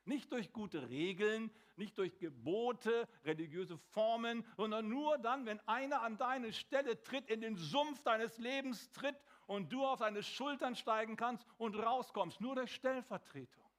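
A man preaching a sermon, dramatic and swinging between emphatic lines and hushed ones, slowing for emphasis. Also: very high voice.

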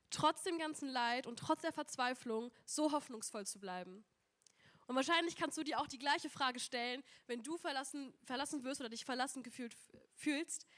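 A woman's voice: high-pitched, a bit bright. A woman preaching a sermon earnestly, posing questions to the listener and reading a psalm aloud.

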